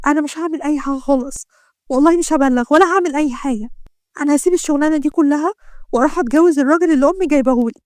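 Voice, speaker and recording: A woman's voice: very fast, a little mellow, no echo, studio quality, close to an everyday voice. Woman voicing a terrified young doctor. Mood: pleading. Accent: Egyptian Arabic. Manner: high, tearful, pleading.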